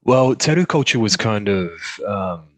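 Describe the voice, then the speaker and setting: A man's voice: on the low side, measured pace, low-quality recording. A man with a New Zealand accent, a guest talking easily on a video call with frequent ums. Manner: easygoing, relaxed, with frequent ums. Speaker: guest tattoo artist. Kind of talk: casual video-call interview.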